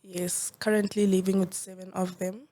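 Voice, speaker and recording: A woman's voice: medium pitch, little pitch movement, normal speed, dark tone. A young South African woman, a football player, answering interview questions in a shy, hesitant way.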